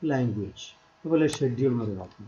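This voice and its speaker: A man's voice: mid-range voice, expressive, quick pace, dull audio, a crowd in the background. A man teaching English in a screen-share tutorial, repeating himself while he points things out on screen. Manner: repetitive, pointing out items on screen.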